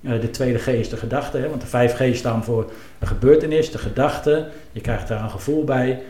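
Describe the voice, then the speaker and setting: A man's voice: mid-range voice, normal speed, darkish tone. Hesitant, reflective man in a roomy space. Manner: thoughtful, hesitant, full of fillers and self-questions. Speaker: former football club executive, guest. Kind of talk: reflective conversation. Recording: roomy with faint ambience.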